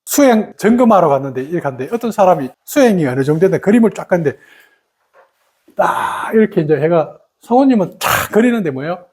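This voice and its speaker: Lively, expressive middle-aged woman teaching meditation. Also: fairly low pitch, quick pace, husky. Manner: animated storytelling, mimics her own past complaints. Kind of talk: dharma talk.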